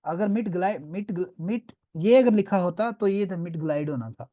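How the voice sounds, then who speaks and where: A man's voice: sits high, expressive, normal speed, dark tone, dull audio. A man teaching a beginners' online class, patiently drilling sounds and often checking that students follow. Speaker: language teacher.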